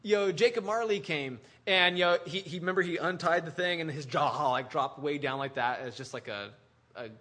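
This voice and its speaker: Bright, forceful male preacher. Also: fairly high pitch, brisk. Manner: animated, conversational preaching with restarts and asides. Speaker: pastor. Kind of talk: sermon.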